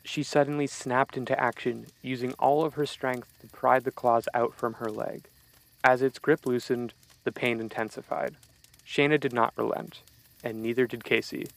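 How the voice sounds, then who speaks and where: A man reading a scripted horror story in a steady, measured storytelling way. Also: medium pitch, gravelly, no room sound, rough recording. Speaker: narrator.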